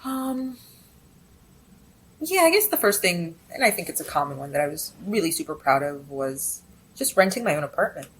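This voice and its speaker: A business editor from Texas, USA, who grew up speaking Spanish at home, talks reflectively as a guest in a conversational interview. Her voice is on the low side, husky and sing-song, at normal speed, with frequent fillers and restarts. The recording is rough.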